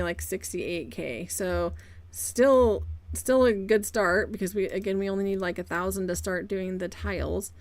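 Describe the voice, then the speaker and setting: A woman streaming a game live, chatting casually with her viewers and greeting them by name, with a quick excitable streak and repeated exclamations. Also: mid-range voice. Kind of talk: casual live-stream chat while gaming.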